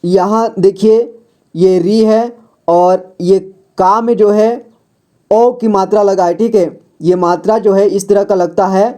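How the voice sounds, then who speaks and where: A teacher walks beginners through a reading lesson in voice-over, speaking unhurriedly and sounding out every word. The voice is warm and relaxed. Each word is repeated, and a question to the learner is answered right away. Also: mid-range voice, slow. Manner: patient, repeats words and checks with "ठीक है"; asks the viewer questions, then answers them.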